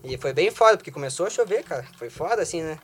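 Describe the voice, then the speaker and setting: A Brazilian Portuguese-accented man telling a story as a podcast guest, slangy and animated. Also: on the high side, quick pace, slight background noise. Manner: slangy, animated, laughs often. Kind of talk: casual storytelling chat.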